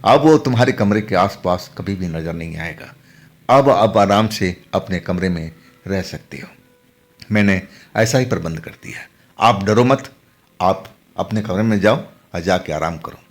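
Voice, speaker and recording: Man voicing a calm, reassuring neighbor woman. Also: low-pitched, a little slow. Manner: reassuring, gently scolding. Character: calm smiling woman neighbor who knows tantra.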